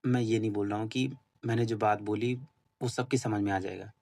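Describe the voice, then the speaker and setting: A man's voice: fairly low pitch, steady tone, fairly quick, a little mellow. A man giving an informal, earnest spoken explanation, casual and repetitive, with many fillers and restarts. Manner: earnest, admits he is still learning. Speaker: spiritual talk host.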